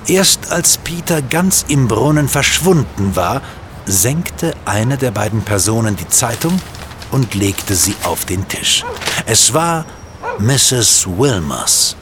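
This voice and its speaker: A man's voice: on the low side, background noise. A man narrating a German children's audio drama in scripted storytelling style.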